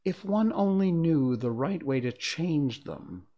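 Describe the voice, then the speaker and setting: A man's voice: a little high, big pitch swings, takes it slowly, dark tone, lo-fi sound, pitched above the performer's own voice, heavily acted. A man voicing a polite, curious young girl who is a little timid, in a raised, prim and careful voice. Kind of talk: storybook reading.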